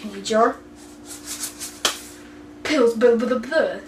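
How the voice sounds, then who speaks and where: A young woman vlogger hosts a playful, chatty cooking video in her kitchen, goofy, teasing and giggly. Her fairly high voice is slow and sounds off mic, recorded from a distance in an echoey, noisy room.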